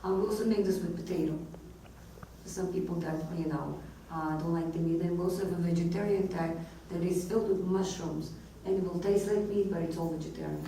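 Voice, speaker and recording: Chatting a little fast with vocal fry, a woman in her forties has a steady, mellow, lowish voice. She's an interview guest who owns a restaurant, a native Russian speaker born in Azerbaijan and raised in Israel and the US. Her voice is picked up by a far-off mic in an echoey room with slight noise.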